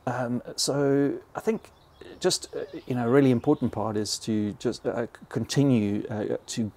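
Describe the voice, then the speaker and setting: In this podcast interview, the guest is a fifties-aged South African bison ranger talking from a small log cabin. He has a dark, medium-pitched voice, keeps a steady tone at normal speed, and hesitates often while repeating words. The mic is a close podcast model on a boom arm.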